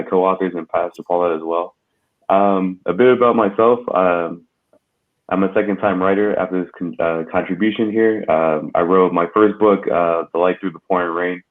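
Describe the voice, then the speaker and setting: Guest man, very deep voice, hesitant, tinny phone-like audio. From United States. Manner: hesitant, full of ums. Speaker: guest author. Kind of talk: casual self-introduction.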